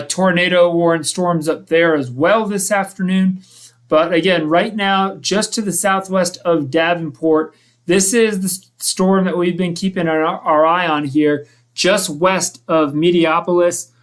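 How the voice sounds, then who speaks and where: A man hosting a live weather stream, giving unscripted severe weather commentary in a halting, self-correcting way. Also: a little high.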